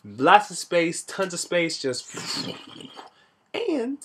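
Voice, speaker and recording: Animated young man with lively pitch. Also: very slow, husky. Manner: animated, slangy storytelling with shout-outs. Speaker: vlog host and reviewer. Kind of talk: casual party review.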